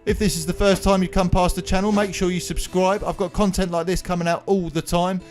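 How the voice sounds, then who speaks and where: His voice sits high with a darkish tone and little pitch movement, and he talks a little fast. This video game channel host gives a casual gaming tutorial voice-over with music behind it, sounding slightly numb-mouthed as if from dental anaesthetic.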